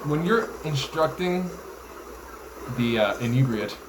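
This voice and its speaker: Speaking slowly in a higher voice with lively intonation, a longtime police officer walks through footage of a DUI arrest. He's casual, crude and direct, and the recording has a roomy echo plus faint background noise.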